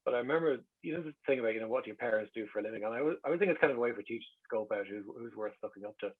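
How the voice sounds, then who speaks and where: A middle-aged Irish man, a guest in an interview, rambles through casual anecdotes with wry, self-deprecating humor. His medium-pitched voice is husky and races along, and the recording is slightly lo-fi.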